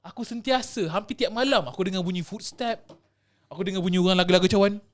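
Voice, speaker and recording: A man's voice: high voice, quick pace. A young man, co-hosting a casual podcast and telling ghost stories animatedly, acting out the voices and mixing in English words. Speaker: podcast co-host. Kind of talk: casual chat, ghost storytelling.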